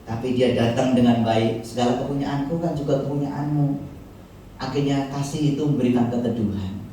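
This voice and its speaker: Male pastor, dark mellow tone, animated sermon, very echoey hall, heard from far off. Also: moderate pace, slight background noise. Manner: animated preaching with raised pitch when quoting. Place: large church hall.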